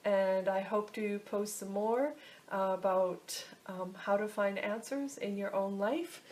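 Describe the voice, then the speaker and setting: A woman casually teaching a step-by-step technique, often pausing to search for her words. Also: mid-range voice, fairly even intonation, darkish tone, a little hiss or hum. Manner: halting, searching for words as she explains. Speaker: instructor teaching a pendulum technique. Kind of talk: casual instructional video talk.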